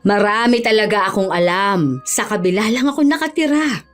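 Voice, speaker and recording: A woman voicing a calm, knowing old woman neighbor in a horror radio drama. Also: medium pitch, moderate pace, soft background music, close to an everyday voice. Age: older. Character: shrewd old woman neighbor who reads people.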